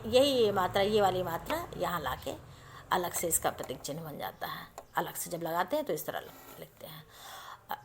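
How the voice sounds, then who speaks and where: A woman's voice: on the high side, fairly bright tone, a little hiss or hum. A woman teacher giving a step-by-step lesson to young children, patiently explaining and often asking whether they understand.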